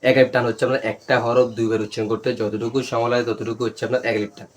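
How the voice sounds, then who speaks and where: Quick guy teaching quran reading, spells letters, asks and answers himself, pretty monotone. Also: mid-range voice. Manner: drills letters and asks himself questions, then answers them. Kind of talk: classroom recitation lesson.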